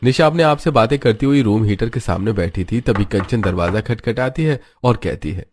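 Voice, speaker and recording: Male narrator, slightly low, steady scripted storytelling. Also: moderate pace, a little hiss or hum.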